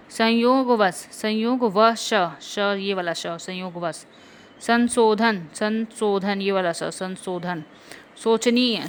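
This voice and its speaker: Slow-spoken woman teacher spelling words. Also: medium pitch, a bit bright, a little hiss or hum. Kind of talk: spelling correction lesson.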